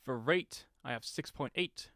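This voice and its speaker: Man, casual tutorial, mid-range voice, plain halting explanations, dry close sound. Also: mid-range voice, a bit bright, no echo. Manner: explains settings plainly with frequent fillers and restarts. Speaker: voice effects tutorial maker.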